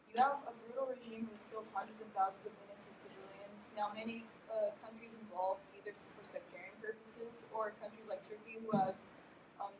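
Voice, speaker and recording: Woman moderator in an echoey hall. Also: mid-range voice. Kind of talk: panel questions. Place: lecture hall. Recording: echoey hall, distant mic, audible hiss.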